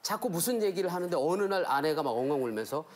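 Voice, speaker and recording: A man's voice: a little high, animated, quick pace. A man speaking as a talk show panelist, explaining his view in a casual, conversational way. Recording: music and studio crowd behind.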